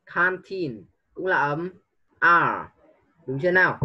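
A man's voice: fairly high pitch, lively intonation, takes it slowly, lo-fi sound. A man tutoring a young pupil one-on-one online, patiently coaxing answers and mixing English prompts into his teaching.

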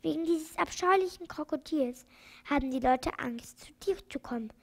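A woman voicing a bad-tempered, scolding woman in a read-aloud children's storybook, in a shrill, complaining way. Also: moderate pace, gravelly.

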